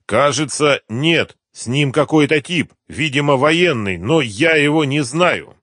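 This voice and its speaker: A man voicing a stubborn, frightened male performer under interrogation, pitched above his own deep voice. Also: animated, a little slow, fairly bright tone, dry recording, studio quality. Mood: pleading. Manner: stubborn, pleading.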